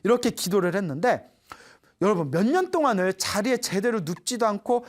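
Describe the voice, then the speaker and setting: A Buddhist nun gives a dharma talk, her voice rising and falling with expressive swings. She tells her stories in an animated way and often stops to ask her audience questions. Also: medium pitch, brisk.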